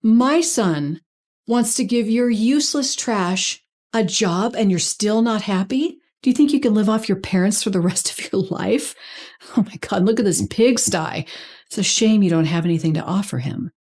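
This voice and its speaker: A woman's voice: medium pitch, expressive, normal speed, darkish tone, close to an everyday voice. An actress playing a snobbish, mean aunt who scorns her poor relatives with a sneering manner. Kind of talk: short drama acting.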